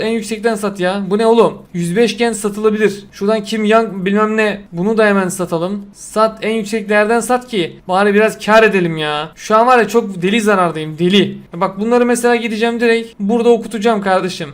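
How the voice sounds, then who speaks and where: A man's voice: sits high, fairly bright tone. A young man giving casual commentary while opening packs in a mobile football game, cheering and groaning at the results.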